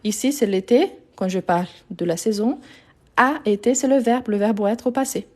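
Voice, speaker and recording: A woman's voice: a little high, moderate pace, darkish tone. A woman teaching a live online French lesson, explaining grammar patiently step by step and often checking in with her viewers.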